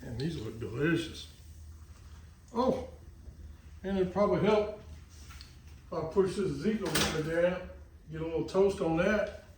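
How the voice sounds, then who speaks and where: A man's voice: on the high side, lively intonation, normal speed, pauses often, recorded from a distance, a little hiss or hum. Man, Texan accent, folksy chat, cooking vlog, a bit off-mic, faint frying behind. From Texas. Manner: chatty and folksy, with many fillers and asides. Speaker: cooking vlogger. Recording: echoey, from off-mic, frying in background.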